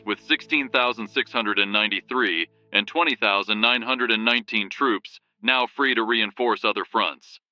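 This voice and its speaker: Man playing a forceful, grave wartime radio anchor. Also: medium pitch. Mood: rousing. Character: grave, urgent male wartime radio news anchor of the future. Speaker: news bulletin host. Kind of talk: scripted wartime radio news bulletin. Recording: music behind the voice. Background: music.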